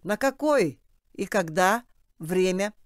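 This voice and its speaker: Кастинг: женщина в роли напористого насмешливого мужчины-допросчика, чистый голос. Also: female voice, mid-range voice, animated, slow pace, no echo, clean studio sound. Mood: pushy. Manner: pressing, mocking questions. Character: bossy male interrogator, mocking, pushy.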